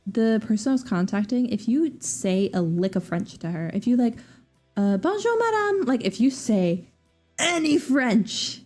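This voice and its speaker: Brief: young female streamer, casual rambling chat, animated voice, faint music under it. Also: moderate pace. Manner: animated, jumps to high squeaky voices when quoting people.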